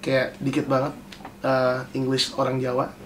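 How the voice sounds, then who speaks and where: A young man hosting a casual chat, answering viewer questions with animated swings in pitch. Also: a little slow, a little hiss or hum. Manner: animated, jumps pitch to read questions aloud.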